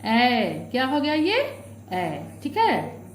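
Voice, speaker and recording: A woman's voice: fairly high pitch, huge pitch swings, extremely slow, roomy sound, slight background noise. A woman teaching young children from a workbook, patient, asking questions and answering them herself. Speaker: primary school teacher.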